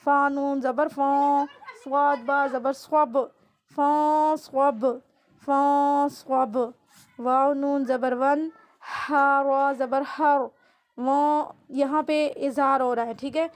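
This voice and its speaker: A woman teaching Quran reading, spelling out syllables slowly and dragging them out, then giving quick explanations in a Pakistani Urdu accent. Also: high-pitched, flat delivery. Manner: slow drawn-out syllables, brisk asides.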